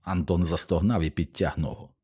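Deep dark-voiced male narrator. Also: steady tone, a little fast, slightly rough. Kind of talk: audiobook narration.

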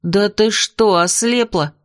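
A woman's voice: mid-range voice, slow pace, no room sound, clean studio sound, natural voice. A woman reading a peevish young tsar's daughter. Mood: indignant.

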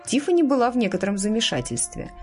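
A woman narrating a storybook in an expressive, storytelling manner. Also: on the high side, quick pace, soft background music. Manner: expressive storytelling with lively intonation. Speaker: audiobook narrator. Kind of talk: scripted narration.

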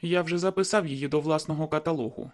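Guy reading a first-person audiobook, slightly high voice, moody and inward. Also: quick pace. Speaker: audiobook narrator.

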